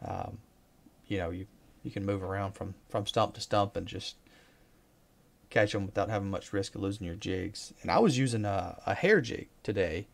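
Guy talking over fishing clips, lowish voice, rambly, repeats himself, gets pumped on big fish. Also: normal speed, vocal fry. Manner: relaxed, rambling, repeats words, excited bursts at fish. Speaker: fishing vlogger. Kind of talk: casual commentary over fishing footage.

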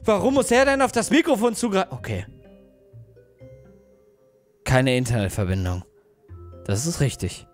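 A young man narrating a mobile game as a YouTuber, excitable and yelping in fright. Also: fairly high pitch, moderate pace, long pauses, soft background music. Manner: excitable, yelps and shouts in fright. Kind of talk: let's play commentary.

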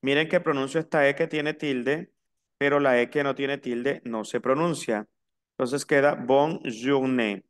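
A man teaching a French lesson in Spanish, slowly spelling out and repeating each word. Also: medium pitch, fairly even intonation, clean tone. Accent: Latin American Spanish. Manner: slow, spelled-out pronunciation drills. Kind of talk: online language lesson.

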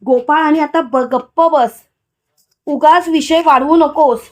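A woman's voice: high-pitched, slow, a little mellow. A woman reading a scheming, frightened young woman. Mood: defensive.

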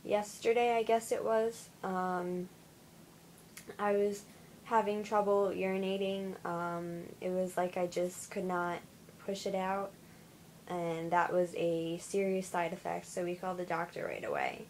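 Young woman vlogging at home, tired and yawny, slow and flat, lots of ums and restarts. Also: lowish voice, a little hiss or hum, low-quality recording. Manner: halting, with many fillers and restarts. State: tired, yawning. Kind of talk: casual personal video diary.

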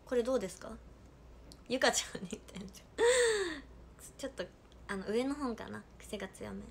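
A woman's voice: on the high side, big pitch swings, normal speed, gravelly, slight background noise. A playful young woman with a Hakata accent chatting casually on a livestream as an idol and reading viewer comments aloud. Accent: Hakata dialect.

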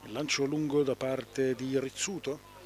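A man with an Italian accent giving live play-by-play football commentary outdoors, halting at times to fill in details. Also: mid-range voice, steady tone. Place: outdoors beside a small football pitch.

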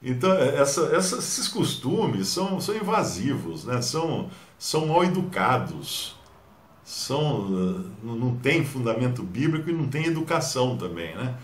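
A man with a Brazilian Portuguese accent giving a Bible study, animated and mockingly mimicking others. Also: mid-range voice, normal speed, reverberant. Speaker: Bible teacher.

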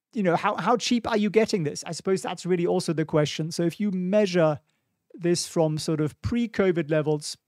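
A German-accented man in his forties hosts a stock market livestream, casually commenting on charts, thinking aloud, and reading viewer questions. His voice is a little high and darkish, with vocal fry. He's in a small home studio on a boom-mounted studio mic in front of his face, with no echo.

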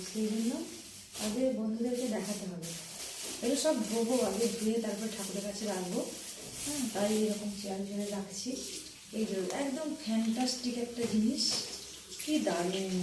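A middle-aged woman chatting softly and gushing as she shows off things she bought. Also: on the high side, heavy reverb, far from the mic, background noise. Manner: chatty, gushing, repeats herself; soft, hushed talk. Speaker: vlogger showing purchases. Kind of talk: casual show-and-tell chat.

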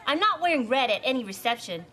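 Feisty, high-voiced sitcom bride-to-be. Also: female voice, big pitch swings, quick pace, bright, forceful tone, full character voice. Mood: agitated. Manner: emphatic, indignant. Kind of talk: multi-camera sitcom acting. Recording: studio audience behind dialogue.

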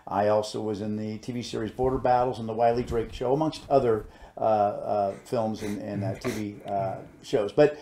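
Older male host, casual talk-show intro, lots of uh's, mellow voice in a roomy studio. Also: lowish voice, fairly even intonation. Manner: halting, filler-heavy introductions with enthusiastic interjections. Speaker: interview host. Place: indoor studio set, seated.

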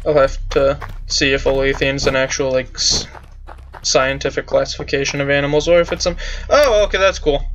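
A man's voice: mid-range voice, fairly even intonation, brisk, fairly bright tone, dull audio, a little hiss or hum. A young man giving casual let's-play commentary at home, chatty, joking and self-deprecating, with faint game music behind. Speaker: gamer. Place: room at home with windows open.

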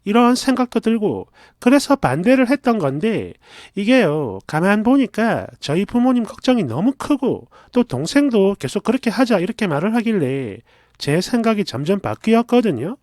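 A man reading a first-person story aloud in a chatty, confiding, expressive way. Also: sits high, normal speed, dry recording, clean studio sound.

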